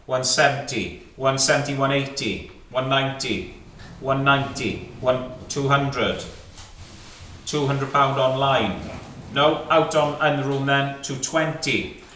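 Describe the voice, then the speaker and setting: A man's voice: mid-range voice, fairly bright tone. A man working as a fine art auctioneer, calling lots and bids live in clipped, repeated numbers and short prompting questions. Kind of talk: live auction calling, rapid chanted bids and lot descriptions. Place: indoor auction saleroom. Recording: echoey saleroom, distant mic, faint noise.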